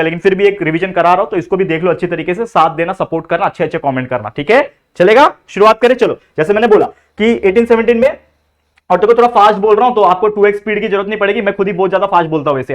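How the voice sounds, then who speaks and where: A young man tutoring students through a quick exam revision. He is chatty and coaxing, and he switches between Hindi and terms. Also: sits high. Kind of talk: fast exam revision lesson.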